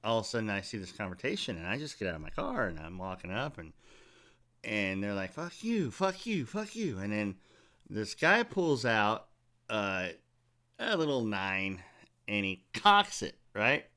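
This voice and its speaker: A man with a lowish voice tells a rambling story on his comedy podcast, and his pitch jumps up and down a lot. He swears freely and keeps the talk loose and casual. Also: moderate pace. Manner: profane, rambling, animated storyteller. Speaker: podcast host.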